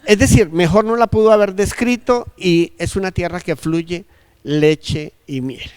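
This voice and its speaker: High, smooth-voiced male pastor. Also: measured pace, dry recording. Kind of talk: scripture reading and conversation.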